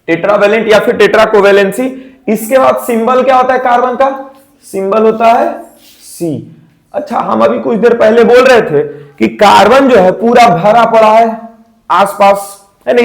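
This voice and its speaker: A man teaching a chemistry lesson, asking questions and answering them himself, repeating key terms. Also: high voice. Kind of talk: classroom-style chemistry lesson. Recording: echoey room.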